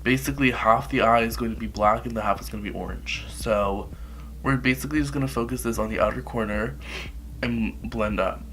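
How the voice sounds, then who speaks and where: Nasal and congested from a cold, a young man chats loosely through a makeup tutorial on camera, profane and packed with "like." His mid-range, fairly bright voice is fairly even in intonation and a little fast, and the audio is poor with slight background noise.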